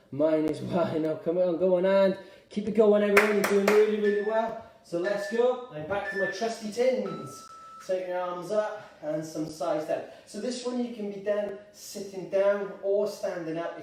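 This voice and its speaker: A Welsh man leading a live gentle exercise class, chatty and encouraging, slightly out of breath as he works out. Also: fairly high pitch. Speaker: exercise instructor. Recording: echoey room, mic at a distance.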